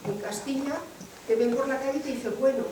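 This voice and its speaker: A woman speaking at a seminar with a teacherly, expressive delivery, pausing with filler sounds. Her voice is on the high side and sounds far from the microphone, in a hall with heavy echo. Clear background noise accompanies her. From Aragón. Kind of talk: explanatory discussion at a seminar. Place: seminar room. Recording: echoey hall, voice picked up from afar.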